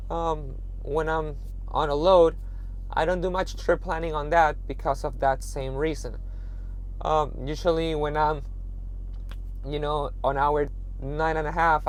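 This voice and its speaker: A man with a hoarse, raspy, nearly lost voice, talking casually to viewers as a trucker vlogger. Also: on the high side. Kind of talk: casual vlog talk to viewers. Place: truck stop rest area, then inside truck cab.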